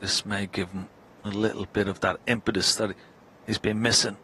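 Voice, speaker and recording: A man giving live snooker commentary in a hushed, understated way. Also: lowish voice, level tone, normal speed, rough recording. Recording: crowd ambience and background noise.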